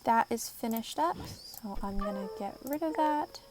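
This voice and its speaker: A woman's voice: on the high side, lively intonation, measured pace, a little mellow. A woman streaming a building game, chatting playfully and slipping into mock-dramatic outbursts. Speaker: vtuber streamer. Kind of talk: casual gameplay commentary.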